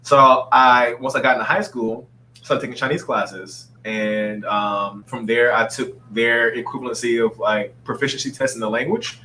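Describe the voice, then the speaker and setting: A man with a bright, forward voice talks as an interview guest, animated and quick to act out other people's lines. A faint hum sits in the background of the recording. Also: mid-range voice, rough recording. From Saudi Arabia. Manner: animated storyteller, acts out quotes. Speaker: guest dancer. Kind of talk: casual interview talk.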